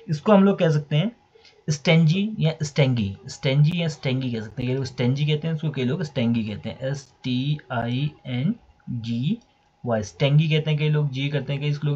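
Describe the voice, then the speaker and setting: A man's voice: medium pitch, darkish tone, slightly rough. A man teaching English vocabulary, explaining meanings and spelling words out letter by letter. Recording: dull lo-fi recording.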